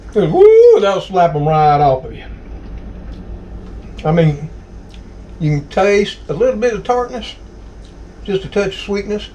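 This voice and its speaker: A man's voice: sits high, steady tone, a little slow, long pauses, a little mellow, slight background noise, rough recording. A man with a Southern US accent hosting a casual home cooking vlog, folksy and exclamatory as he savors his food. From Southern United States. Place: home kitchen.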